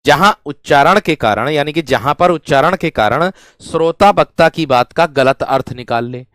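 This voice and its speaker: This Hindi teacher has a fairly high, fairly bright voice and speaks at a normal pace, recorded cleanly in a studio with no echo. Teaching grammar, he drills each phrase repeatedly and calls the students his friends and brave ones.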